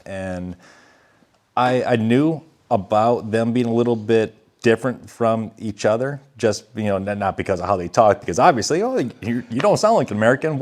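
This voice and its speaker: A man with a low voice co-hosts a casual podcast chat. He wanders through a long story, beating around the bush, chuckling as he goes and swearing now and then. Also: a little mellow. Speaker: podcast co-host.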